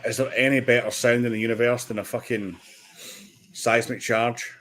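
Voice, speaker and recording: A man hosting a casual livestream watch party, excitable, swearing casually and restarting his sentences. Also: mid-range voice, moderate pace. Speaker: livestream host.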